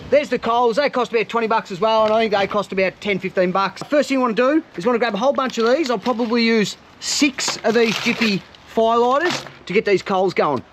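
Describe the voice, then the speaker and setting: A man's voice: very high voice, brisk, few pauses, a bit bright, slight background noise. An Australian man hosting a fishing and cooking vlog, chatting casually and upbeat to his viewers. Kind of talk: casual outdoor vlog commentary.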